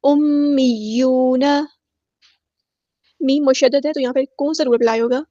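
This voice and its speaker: Woman, tajweed teacher, patient, step by step, warm low-brightness tone, dry muffled sound. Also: steady tone, dry recording. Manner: patient, explains each rule step by step; drawn-out melodic recitation of verses. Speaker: Quran recitation teacher. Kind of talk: tajweed lesson with slow recitation.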